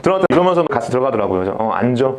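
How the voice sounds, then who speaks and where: A man's voice: medium pitch, sing-song, rapid-fire. A young man preaching a sermon as a pastor, telling a story and acting out the dialogue.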